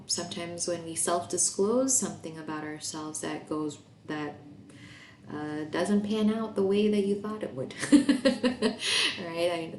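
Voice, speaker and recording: A chatty woman from Malaysia leads a training talk, full of fillers and little laughs. Her voice sits a bit low for a woman. It carries a roomy echo over a faint hiss. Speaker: course presenter and therapist. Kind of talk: casual online training talk.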